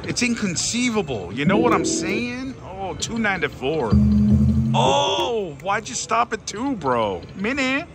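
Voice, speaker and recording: A man giving casual, excited, theatrical commentary as he gambles, repeating phrases pleadingly and addressing his viewers. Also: high-pitched, unhurried. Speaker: slot machine gambling vlogger. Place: busy casino floor at a slot machine. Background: slot machine music.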